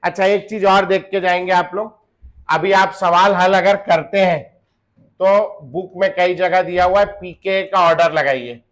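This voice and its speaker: A man whose voice sits high and fairly bright delivers a chemistry lecture at a measured pace and steady tone. He keeps quizzing the class and answering his own questions, joking with the students and slipping English phrases in.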